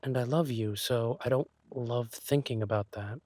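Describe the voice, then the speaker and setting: A man playing an insecure, lovesick thief boyfriend in a romantic audio role-play, speaking haltingly and tenderly. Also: medium pitch, a little mellow, no echo, lightly acted. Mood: troubled, tender. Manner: hesitant, halting, sighing delivery.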